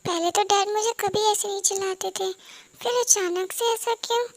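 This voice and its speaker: A woman's voice: extremely high pitch, moderate pace, bright, forceful tone, dry recording, full character voice. A woman voicing an anxious, sensitive young son who pleads and frets in a fan-dub audio drama. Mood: worried. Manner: pleading, worried, fretful questioning.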